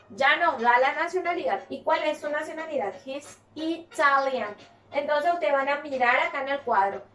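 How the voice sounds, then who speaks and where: High-voiced Paraguayan teacher, slow and echoey. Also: female voice, a bit bright, recorded from a distance. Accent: Paraguayan Spanish. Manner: slow, explaining patiently, repeating words. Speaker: English teacher. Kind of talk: recorded remote class lesson.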